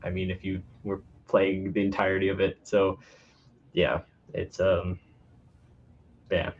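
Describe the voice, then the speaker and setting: A man's voice: low voice, monotone, measured pace, a little hiss or hum. A man chatting casually on a podcast in a hesitant, noncommittal way, often trailing off. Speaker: podcast panelist. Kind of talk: casual chat. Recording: dull lo-fi voice chat.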